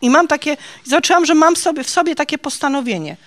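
A woman's voice: sits high, animated, fast. A woman giving a personal faith testimony to a group of women, chatty and confiding, laughing at her own stories. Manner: chatty and confiding, ends phrases with "nie?".

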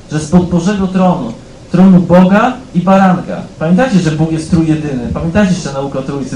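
Guy preaching a chatty sermon, dark mellow voice, roomy hall w/ faint hum behind. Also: a little high. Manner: conversational, keeps asking "tak?" of the congregation; rises louder when reading scripture aloud.

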